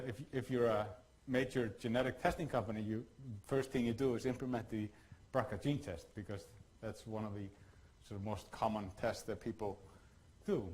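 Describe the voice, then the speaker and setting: A man from Iceland giving a workshop lecture, talking in a halting way with many fillers and restarts. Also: medium pitch, darkish tone, rough recording.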